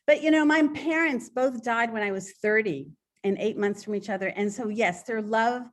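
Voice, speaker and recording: A woman's voice: on the high side, normal speed. A middle-aged woman poet talking in an interview, chatty and digressive with frequent restarts, at times reading her poems aloud. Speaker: poet and author guest. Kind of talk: conversational interview and poetry reading.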